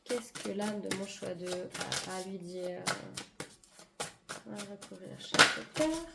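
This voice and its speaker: A woman doing a casual, improvised card reading for viewers, hesitant and searching for words, her hoarse voice giving out. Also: medium pitch, expressive, slow pace. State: hoarse voice giving out, clearing throat. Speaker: tarot and oracle card reader. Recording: echoey room with clear background noise.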